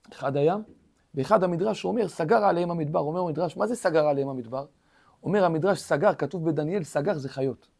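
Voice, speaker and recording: A rabbi teaching his weekly Torah lesson, a man with a high voice and a rough, gravelly edge. He talks animatedly, pushing rhetorical questions at his listeners and acting out the speech he quotes. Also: a little mellow. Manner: addresses listeners directly. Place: study hall.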